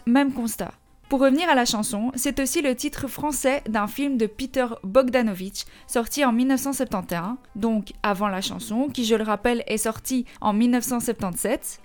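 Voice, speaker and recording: Belgian woman hosting a music podcast. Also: on the high side. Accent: Belgian French. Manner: chatty, adds joking asides. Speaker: podcast host. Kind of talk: scripted music-history narration with casual asides.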